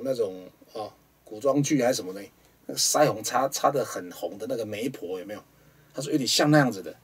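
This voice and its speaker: A man with a Taiwanese Mandarin accent, hosting a studio show and telling a ghost story dramatically, jumping between loud rhetorical questions and hushed asides. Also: medium pitch, husky, distant mic.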